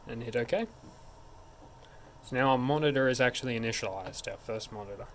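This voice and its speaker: Briskly and in a mid-range voice, a man serving as a tech support instructor walks through a hands-on technical tutorial in an informal, step-by-step way, with clear background noise.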